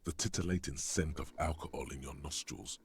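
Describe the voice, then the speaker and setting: An actor narrating a game as a sly, tempting inner voice, slow and teasing, with a gravelly voice. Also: male voice, extremely low pitch, fairly even intonation, a little hiss or hum.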